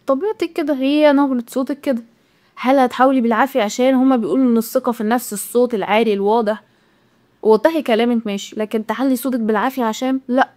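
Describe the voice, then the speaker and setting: A woman's voice: a little high, darkish tone. A woman with an Egyptian Arabic accent giving casual motivational advice, talking chattily and directly to women watching. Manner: chatty, direct, talks straight to the viewer. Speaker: self-help vlogger.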